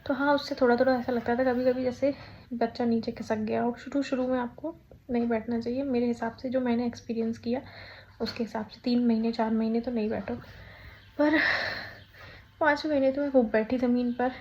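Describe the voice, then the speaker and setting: A woman's voice: on the high side, fairly even intonation, brisk, dark tone, muffled recording, a little hiss or hum. A young woman chatting casually at home in a vlog, rambling and correcting herself as she talks. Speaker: vlogger. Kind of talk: casual pregnancy vlog chat.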